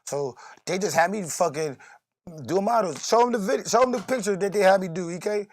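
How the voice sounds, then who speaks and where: A man co-hosting a casual podcast, talking in a voice pitched a bit high for a man. He jokes around, swears freely and now and then breaks into shouting. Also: expressive, fairly quick. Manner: loud, joking, profane, swings to shouting. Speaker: podcast co-host.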